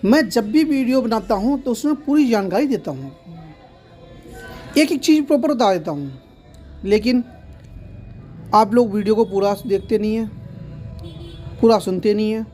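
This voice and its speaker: A man's voice: high voice, lively intonation, moderate pace, long pauses, a little mellow, faint music behind. A man teaching meditation in an earnest, explanatory way, often repeating himself. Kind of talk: instructional talk to camera.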